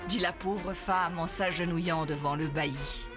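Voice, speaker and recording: A woman narrating a children's story in a measured, dramatic way. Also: lowish voice, steady tone. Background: music.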